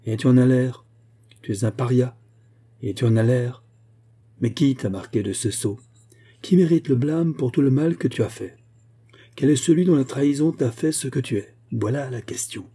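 A man voicing a bitter, ragged vagabond who speaks curtly and defiantly in a dark, husky voice. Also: medium pitch, moderate pace, natural voice. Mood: muttering. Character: bitter, ragged male vagabond, hard and resolute.

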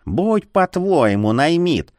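A man voicing a stern, sharp-tongued old woman who keeps a library, scolding slowly and with emphasis. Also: medium pitch, sing-song, dry recording, studio quality. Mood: scornful. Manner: scolding, haughty, slow and emphatic.

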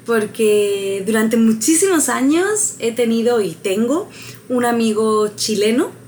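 A woman's voice: a little high, a little mellow, a little hiss or hum. A woman vlogger thinking aloud as she takes a quiz, hesitant and musing, laughing at her own luck.

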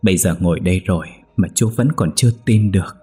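A man voicing an older man who gently consoles a grieving family in a soft voice. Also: low voice, fast talker, husky, soft background music. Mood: consoling.

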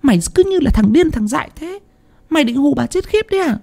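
Man doing a shrill, scolding old village woman. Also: lively intonation, quick pace, creaky, full character voice. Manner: scolding, sharp, high-pitched.

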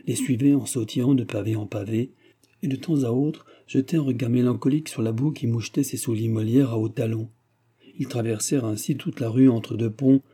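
A man narrating a classic French novel as an audiobook, in a steady, measured reading. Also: medium pitch, husky.

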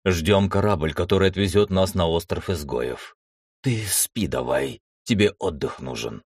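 A man doing a gruff old corporal. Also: measured pace, no echo, studio quality, heavily acted. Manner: low, quiet, curt. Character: gruff grey-haired old corporal, protective.

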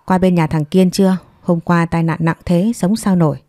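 A woman's voice: lowish voice, fairly even intonation, moderate pace, mellow, no room sound, studio quality, natural voice. Woman voicing a kindly village aunt. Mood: sympathetic. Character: kindly, plain-spoken middle-aged aunt.

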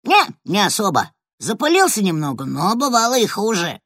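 Storybook rat, proud and impatient, put on by a woman narrator, animated swoops. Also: medium pitch, moderate pace, no echo, studio quality, voice pushed up. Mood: sly. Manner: eager, teasing, smug. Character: cocky male pet rat, playful and proud.

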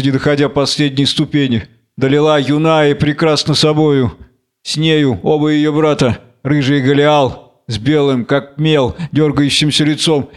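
A man's voice: mid-range voice, smooth. Man reading stage directions. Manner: reads the stage directions plainly. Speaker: reader. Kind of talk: reading a play aloud.

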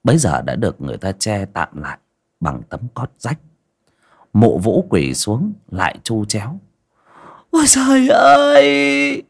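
A man narrating an audio story in a steady, storytelling way, dramatic in places. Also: sits low, moderate pace, husky.

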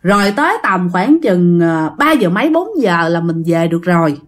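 Woman playing a bossy kid, snapping orders, lively pitch. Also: moderate pace. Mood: plain. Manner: scolding, bossy. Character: bossy boy, leader of the group.

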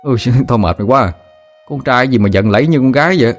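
Male narrator putting on a brash, teasing older boy, Southern Vietnamese accent, quick delivery, soft music under. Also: medium pitch, voice pushed up, natural voice.

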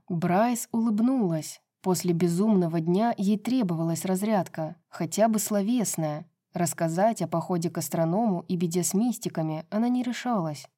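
A woman narrating a romance novel as an audiobook, in an even reading voice. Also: lowish voice.

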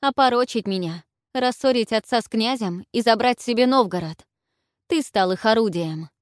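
A woman's voice: mid-range voice, animated, normal speed, a little mellow, dry recording, studio quality, close to an everyday voice. A woman voicing an anxious, proud young princess who speaks with tense urgency in a storybook reading. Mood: agitated.

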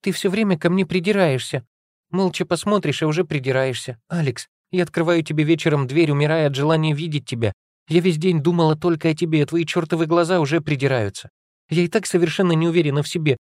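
A man's voice: a little high, darkish tone, dry recording, clean studio sound, voice pushed up, lightly acted. A man reading an audiobook, voicing a brash, volatile young woman who talks in a heated, whining and reproachful way. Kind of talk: audiobook character voice.

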